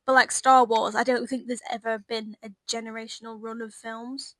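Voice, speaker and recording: A woman's voice: a little high, level tone, normal speed, dry recording. A young woman co-hosting a podcast, chatting casually and giving strong opinions. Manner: chatty, opinionated, many "like" fillers. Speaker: podcast co-host. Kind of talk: casual chat.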